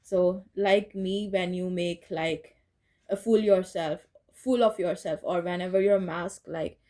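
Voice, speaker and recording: A woman's voice: on the low side, steady tone, measured pace, warm tone. A woman giving a casual tarot reading, rambling and correcting herself as she goes, and laughing at her own slips. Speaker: tarot reader.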